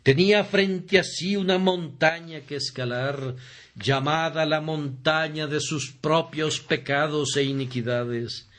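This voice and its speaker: A man reading a sermon aloud as a Spanish voice-over in an earnest, deliberate preaching manner. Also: fairly high pitch, steady tone, a bit bright.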